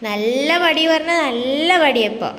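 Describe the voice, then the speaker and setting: A woman's voice: high-pitched, lively intonation, measured pace, a bit bright. A woman vlogger at home in her kitchen, talking to her small child in a coaxing, sing-song way full of questions. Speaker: vlogger and mother. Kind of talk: casual chat with a small child. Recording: reverberant room with faint background noise.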